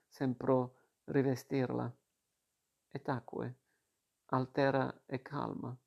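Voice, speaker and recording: A man reading a novel aloud in a slow, steady literary manner. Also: mid-range voice, creaky. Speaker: reader. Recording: dull lo-fi recording.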